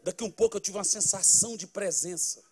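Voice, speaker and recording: A man, a pastor telling a funny testimony in a sermon, animated, with loud bursts of exclamation. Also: high-pitched, fast, breathy edge. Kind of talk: humorous preaching testimony.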